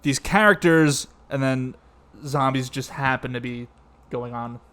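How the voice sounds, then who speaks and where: A man co-hosting a podcast, chatting casually about a movie, agreeable and quick to laugh. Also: mid-range voice, a bit bright, clear, resonant tone. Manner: laughs often, agreeable, backchannels a lot. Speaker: podcast co-host reviewing a movie. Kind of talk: casual chat.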